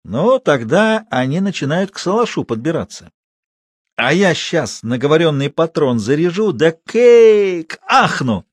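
Man doing a slow gloomy old village watchman. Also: a little high, very animated, dry recording, pitched above the performer's own voice. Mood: gruff, mysterious. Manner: slow, dialect-heavy, mysterious.

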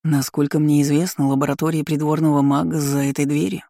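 A narrator voicing a gruff, irritable male captain of the guard in an audiobook reading. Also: medium pitch, flat delivery, quick pace, warm tone, no echo, studio quality, lightly acted. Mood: irritated.

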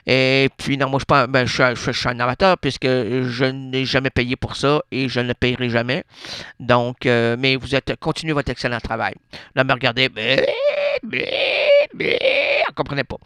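A man's voice: mid-range voice, sing-song, normal speed, pushed and bright, clean tone, no echo, studio quality. A man with a Québécois French accent, a radio host telling a rambling comic monologue full of absurd asides and self-interruptions. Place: radio studio.

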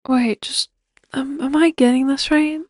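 A woman's voice: sits high, fairly even intonation, a little slow, no echo, clean studio sound. A woman voicing a disbelieving man in a podfic reading, hesitant and incredulous. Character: disbelieving man hearing a surprising offer.

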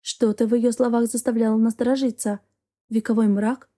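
Mellow-voiced woman narrating an audiobook. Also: a little high. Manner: measured, expressive reading. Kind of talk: first-person fantasy audiobook narration.

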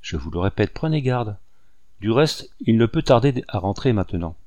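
A man playing a naive excitable young woman. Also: fairly low pitch, normal speed, no room sound. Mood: cautioning.

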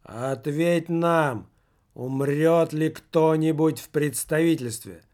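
A man voicing a solemn, commanding male séance medium who speaks in a droning, detached monotone. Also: fairly high pitch, slow pace. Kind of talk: audiobook character voice.

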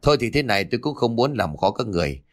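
A man's voice: mid-range voice, very animated, fast talker, soft background music. A man voicing a spiteful middle-aged village woman who sneers and scolds. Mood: spiteful scolding.

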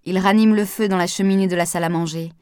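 Aurore is a lively young woman who teases her guests with a playful edge, voiced by a woman reader. The voice is lowish and recorded dry. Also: fast, clean tone, no room sound, natural voice. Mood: teasing. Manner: playful, teasing.

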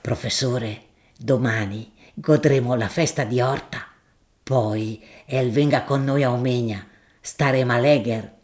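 A woman voicing a hearty, plain-spoken middle-aged male grocer, speaking slowly in a lowered voice with dialect-tinged words. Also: darkish tone.

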